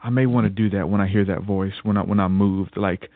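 A low-pitched, steady-toned man talks briskly as a podcast guest, giving a rambling personal testimony about faith with repeated words and restarted sentences. The line sounds tinny, like a phone, with no echo.

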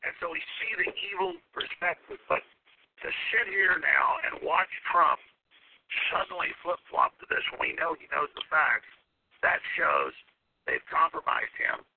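Gravelly guy ranting urgently about conspiracies like a talk host, really animated, tinny radio sound. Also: a little high, measured pace. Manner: alarmed, emphatic. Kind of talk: urgent conspiratorial political rant.

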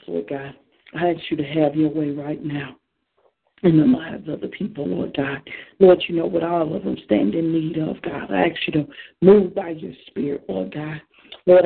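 Over a tinny phone line, a woman on a prayer line leads a fervent, spontaneous prayer in a rhythmic chant, ending every phrase with "Lord God." Her voice is lowish with a breathy edge.

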